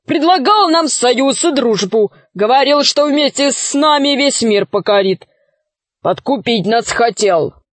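A woman's voice: high-pitched, lively intonation, unhurried, no room sound. A woman voicing a sly male robber chief in an audiobook, drawling and mock-polite.

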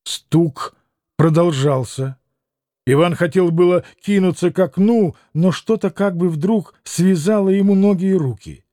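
A man narrating a literary audiobook in a measured, expressive reading style. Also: high-pitched, no room sound, clean studio sound.

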